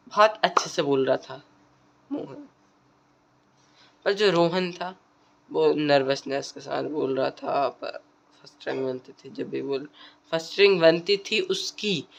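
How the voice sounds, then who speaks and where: A man's voice: high-pitched, vocal fry, a bit bright. Male creator, casual tutorial delivery, repetitive, filler-heavy, conversational. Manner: repeats phrases, frequent tag questions and fillers. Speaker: video creator giving speaking tips.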